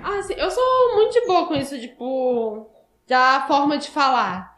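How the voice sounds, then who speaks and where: A woman's voice: sits high, animated, unhurried, a bit bright. A young woman, a preschool teacher explaining casually with lots of filler words. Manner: explanatory, uses "tipo" and "sabe". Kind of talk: casual chat. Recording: echoey room.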